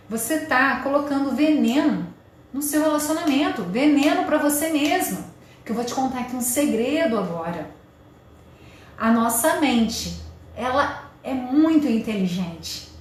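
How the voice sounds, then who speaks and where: A woman's voice: on the high side, darkish tone. Earnest woman coaching in an echoey room. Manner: earnest, coaching, addresses the viewer directly. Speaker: marriage advice host. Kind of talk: direct-to-camera advice talk. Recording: very echoey room with faint noise.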